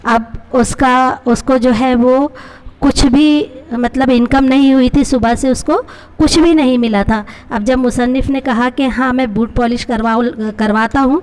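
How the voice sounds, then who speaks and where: A woman's voice: sits high, steady tone, darkish tone, smooth. A woman teacher with a Pakistani accent, reading a story to her class and explaining each line with questions to her pupils. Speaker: Urdu teacher.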